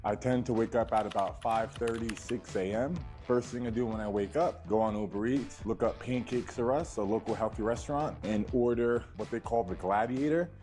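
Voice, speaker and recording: A man's voice: fairly low pitch, normal speed, hardly any pauses, darkish tone, faint music behind. A man narrating a bodybuilding vlog in a matter-of-fact way, with his audio heard in the left ear only. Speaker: bodybuilding vlogger. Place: played from a video inside a livestream.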